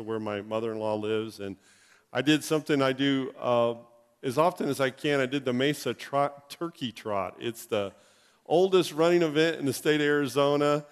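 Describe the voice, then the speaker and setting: A middle-aged male pastor telling a funny personal story in an animated, anecdotal way, chuckling as he goes. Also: medium pitch, smooth. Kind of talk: storytelling sermon. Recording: long reverb in a hall.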